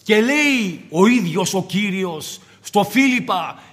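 A man with a high voice preaches a fervent sermon. He acts out the scripture dialogue with swings in loudness. His voice rings with long reverb as in a large hall. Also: expressive.

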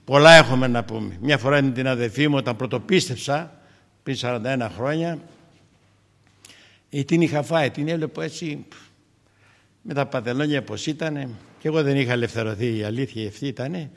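A man in his sixties preaching a sermon, shifting from loud fervent exhortation to quiet, intimate storytelling. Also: medium pitch, long reverb tail.

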